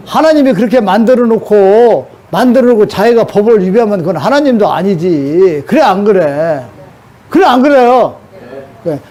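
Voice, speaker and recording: A man's voice: high voice, dark tone. An older man preaching a sermon in a scolding way, throwing rhetorical questions at his audience.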